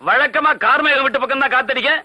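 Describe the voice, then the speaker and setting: An actor playing a bossy village president who snaps out orders in film comedy dialogue. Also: male voice, very high voice, fast, sharp tone, full character voice, low-quality recording. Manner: ordering people about, brusque.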